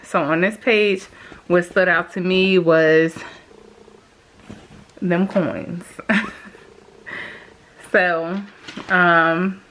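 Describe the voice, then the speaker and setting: A woman's voice: on the low side, steady tone, drawn-out words, long pauses, fairly bright tone, a little hiss or hum, rough recording. A woman vlogging in casual, rambling chat to viewers, her speech slightly lisped from the retainers she is wearing.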